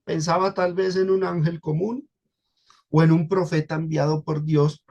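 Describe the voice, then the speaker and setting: Colombian preacher guy, kinda high voice, going over a bible verse word by word, calls everyone brothers. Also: level tone, normal speed, a little mellow, muffled recording. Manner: teaching, addresses congregation as brothers, repeats and stresses key words. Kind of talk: Bible study sermon.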